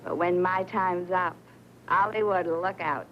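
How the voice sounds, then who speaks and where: Casting: actress as a chatty, wry young maid, 1960s film, dull old soundtrack. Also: female voice, on the low side, steady tone, measured pace, slight background noise, natural voice. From England. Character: young English woman arriving as a housemaid, cheeky and excited.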